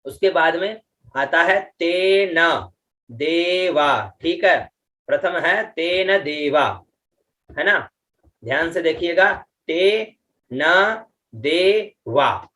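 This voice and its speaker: Middle-aged male teacher, slightly high, bright voice, slow deliberate chanting delivery, patient with repeated checks. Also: animated. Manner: slow, drawn-out chanting of mantra syllables with pitch-accent explanations; patient, repeats "ठीक है" and "है ना" often. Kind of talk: online class lesson.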